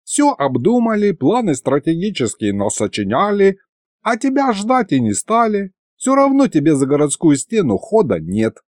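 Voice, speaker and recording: A man voicing a teasing old grandfather with a high, cracked, folksy voice. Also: huge pitch swings, normal speed, a little mellow, dry recording, studio quality. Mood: wry.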